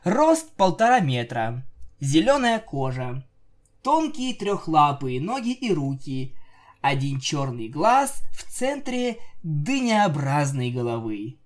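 Man narrator, comic story reading, jokey asides, lively bouncing intonation. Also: fairly high pitch, slow pace. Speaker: fan fiction narrator.

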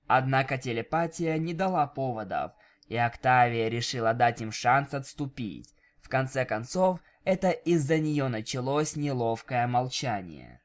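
A man narrating a fan-fiction audiobook with expressive storytelling. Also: mid-range voice, a little slow, few pauses. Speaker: audiobook reader.

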